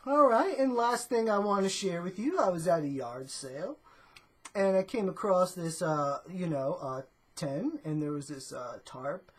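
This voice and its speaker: A woman's voice: fairly low pitch, measured pace, husky. A woman rambling through a casual comedic vlog in a drawling, laid-back stoner-dude manner, tacking "man" onto her phrases and filling gaps with "you know" and "uh.". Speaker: vlogger.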